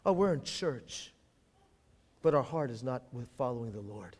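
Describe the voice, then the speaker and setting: A pastor preaching a sermon in a church, emphatic, repeating key phrases and swinging from loud to hushed. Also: male voice, medium pitch, lively intonation, normal speed, slightly rough. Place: church sanctuary. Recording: long hall reverb of a church.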